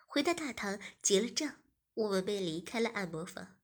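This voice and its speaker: A woman narrating a story in a soft, often half-whispered voice. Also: mid-range voice, lively intonation, normal speed. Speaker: story reader. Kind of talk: scripted narration.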